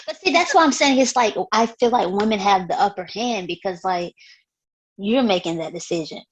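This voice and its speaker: A woman with a husky voice in a casual debate, blunt and challenging and free with swearing. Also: mid-range voice, lively intonation, normal speed, rough recording. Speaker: talk show panelist.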